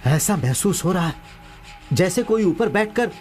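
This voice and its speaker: A man's voice: high voice, expressive, a little slow, a little mellow, soft background music. An actor playing a boastful, powerful male gang boss in dubbed film dialogue, giving orders and making bold claims.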